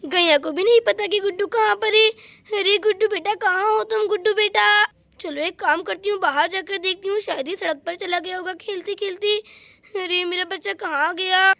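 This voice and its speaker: A woman's voice: very high voice, normal speed, gravelly, fairly bright tone, dry recording, full character voice. A woman voicing a frantic young village mother in a doll story, wailing and panicky as she searches for her son. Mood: worried.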